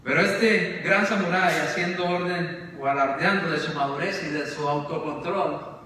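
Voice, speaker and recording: Animated preacher in a booming church hall. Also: male voice, moderate pace. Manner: animated, dramatic storytelling. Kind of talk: sermon storytelling. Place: church sanctuary. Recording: echoey church hall, distant mic, faint noise.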